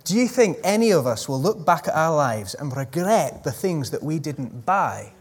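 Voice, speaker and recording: A man's voice: on the high side, big pitch swings, moderate pace, husky. A man preaching a sermon to a church congregation, in a conversational, jokey way, often asking the listeners questions.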